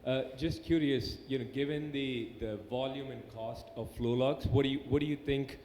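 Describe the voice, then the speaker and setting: A man's voice: mid-range voice, fairly even intonation, moderate pace, a little mellow. A man in a conference audience asking a question hesitantly, searching for words. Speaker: audience member. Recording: reverberant hall, faint noise.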